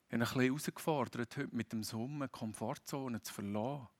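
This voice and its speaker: A man's voice: mid-range voice, a little fast. Earnest Swiss German man preaching. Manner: earnest, appealing, rising to emphatic then dropping soft. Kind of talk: sermon.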